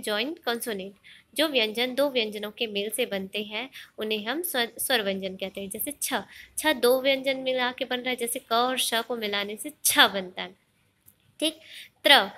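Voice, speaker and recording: A woman's voice: fairly high pitch, bright, forceful tone. A woman teaching an online grammar lesson, explaining step by step, asking the class questions and mixing in English words.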